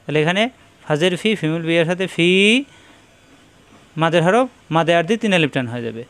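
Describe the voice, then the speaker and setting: Patient teacher, high and smooth voice. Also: male voice, animated, a bit bright. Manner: patient, repeats syllables slowly and explains mouth positions; slow drawn-out chanted recitation. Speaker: Quran recitation teacher. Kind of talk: slow spelling-out recitation lesson.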